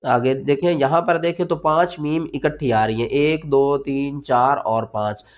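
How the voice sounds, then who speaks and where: A man teaching Quran pronunciation step by step, spelling words letter by letter and chanting the verses slowly, asking and answering his own questions. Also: medium pitch, fairly even intonation. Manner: patient, explanatory, asks questions and answers them himself.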